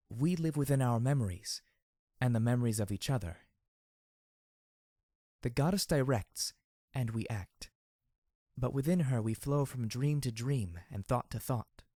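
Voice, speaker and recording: A man reading an audiobook, voicing a calm and distant female zebra spirit-medium who speaks in a slow, measured, solemn way. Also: medium pitch, dry recording, studio quality, lightly acted.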